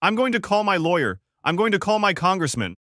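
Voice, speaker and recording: A man voicing a shrill, imperious middle-aged woman who heads a homeowners' board, her voice cracking as she shrieks. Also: fast talker, fairly bright tone, no room sound, clean studio sound, natural voice. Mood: shrieking.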